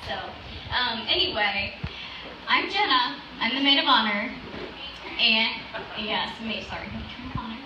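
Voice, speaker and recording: A woman's voice: fairly high pitch, a little slow, recorded from a distance, noisy background. A young woman giving a wedding speech as matron of honor, partly reading from notes over a microphone. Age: young adult. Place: open-sided wedding reception tent. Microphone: stand microphone through PA, filmed by audience phone. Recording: echoey PA heard from off, faint music.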